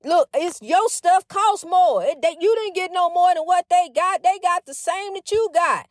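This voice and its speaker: A woman's voice: extremely high pitch, normal speed, no room sound, studio quality. A middle-aged woman giving a casual spiritual pep talk, fervent, calling the listener honey with lots of you-knows. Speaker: inspirational speaker.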